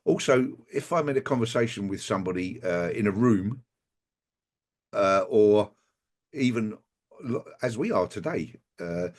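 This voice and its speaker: A man with a slightly low voice speaks in a halting, wry way and tells anecdotes. He is a guest in a relaxed interview, heard over a remote call. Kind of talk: conversational interview.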